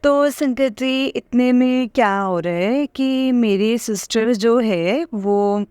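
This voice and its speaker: A woman's voice: a little high, slow pace, a little mellow, clear, resonant tone, dry recording. A woman, telling a long personal dream story in a rambling, hesitant way, full of fillers and restarts. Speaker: devotee sharing a dream experience. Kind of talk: casual spoken testimony.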